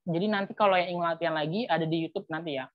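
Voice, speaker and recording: A woman's voice: on the low side, rapid-fire. A woman teaching a live online language lesson, patiently spelling out letters and repeating them, with casual fillers. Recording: slightly muffled dry sound.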